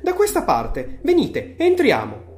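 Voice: medium pitch, huge pitch swings, normal speed, a little mellow, reverberant, a little hiss or hum, voice pushed up. A reader voicing an eccentric, exuberant man who runs a chocolate factory, talking in a theatrical, showy way over faint music. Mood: excited, showy.

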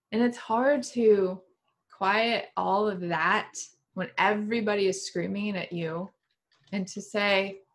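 A woman's voice: mid-range voice, steady tone, slow pace. Chatty woman in her thirties. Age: 30s. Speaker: podcast co-host. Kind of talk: casual chat.

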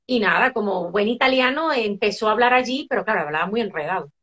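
A middle-aged woman from Venezuela with a Venezuelan accent, telling family stories as a guest in a casual interview, lively and full of fillers and restarts. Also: mid-range voice, fast, muffled recording. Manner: animated storyteller, many fillers and restarts.

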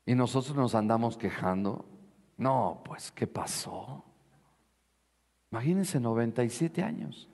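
Slow, deliberate male preacher in a hall. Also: medium pitch, expressive, a little mellow. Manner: preaching with bursts of emphasis and asides to the congregation. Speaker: pastor. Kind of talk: sermon.

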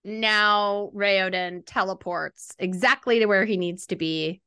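A woman's voice: medium pitch, fairly even intonation, pushed and bright, smooth. A young woman co-hosting a podcast, recapping a book in casual chat with a wry, joking manner. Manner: wry, joking, quick to laugh. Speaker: podcast co-host.

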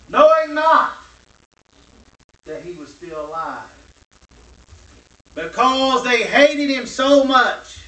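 A man teaching a Bible lesson, reading scripture aloud and adding slow, emphatic commentary with rhetorical questions. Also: sits high, a bit bright. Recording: roomy echo from a distant mic.

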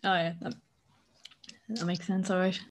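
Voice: mid-range voice, fairly even intonation, unhurried, slight background noise. Casual podcast host with a mid-range voice. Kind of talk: casual interview chat.

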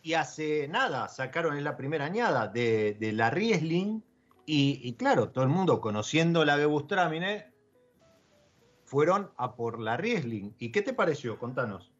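A man's voice: fairly high pitch, very animated, normal speed. A man with an Argentine accent hosting a casual chat about wine, with many fillers and restarts. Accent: Argentine Spanish. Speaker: wine show host. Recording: dull lo-fi audio.

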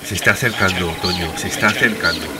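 Dude on a radio sketch, low voice, loose chatty banter, crickets blaring behind. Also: male voice, fast, recorded from a distance, heavy background noise. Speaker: radio show co-host. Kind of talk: comic scripted radio sketch.

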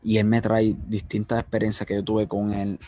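A man's voice: fairly low pitch, monotone, moderate pace, mellow, no room sound. A man hosting an interview, speaking in an earnest, heartfelt way about his faith. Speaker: host.

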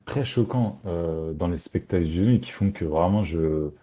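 A man with a low, mellow voice talks through his thoughts in a casual discussion. He hesitates, starts over and searches for words. The recording sounds dull and lo-fi. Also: moderate pace. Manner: hesitant, restarts often, thinks aloud.

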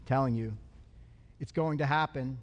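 A man's voice: mid-range voice, normal speed. A man pastor preaching a sermon, emphatic and fond of repeating his lines for effect, in a church sanctuary. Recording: long hall reverb.

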